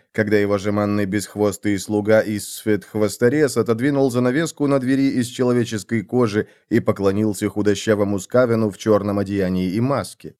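A man reading fantasy fiction aloud as an audiobook narrator, in measured storytelling. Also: on the low side, darkish tone, smooth.

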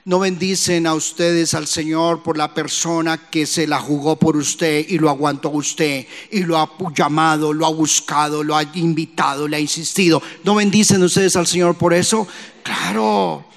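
A man's voice: on the high side, steady tone, moderate pace, gravelly, few pauses. A man preaching a fervent sermon as pastor of a church, acting out the voices of people he quotes. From Colombia. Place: church sanctuary. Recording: long church hall reverb.

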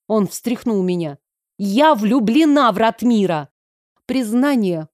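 A woman reading a first-person novel aloud in a lively, wry storytelling manner. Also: medium pitch, no echo, studio quality. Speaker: audiobook reader. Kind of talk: first-person fiction narration.

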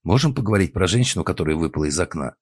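A man plays a calm, persistent investigator who talks in a measured, even way. The voice is very low and husky with lively intonation, and the recording is dry. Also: dry recording, heavily acted.

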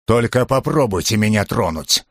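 Here is a boastful gladiator, big and drunk, his voice booming and blustering, pitched noticeably higher than the low reader's own voice, as a man puts him on in a dry, close audiobook read. He swaggers through every threat and brag. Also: expressive, moderate pace, breathy edge, no echo. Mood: defiant.

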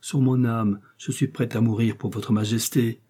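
A man voices a devoted young servant woman, earnest and reassuring. The voice stays low-keyed, mellow and slightly husky, in an audiobook reading. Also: little pitch movement, normal speed, close to an everyday voice.

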